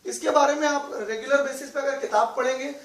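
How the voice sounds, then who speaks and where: A man's voice: very high voice, fairly even intonation, fairly quick, a bit bright. A man giving a business training seminar to a live audience. He mixes English phrases into his talk and keeps checking with the audience through questions. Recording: echoey room, voice from far off.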